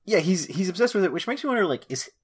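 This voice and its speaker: A man's voice: high-pitched, sing-song, quick pace, slightly rough. A man co-hosting a podcast, recapping an episode in a casual, irreverent, sweary way. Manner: irreverent, profane. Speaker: podcast co-host.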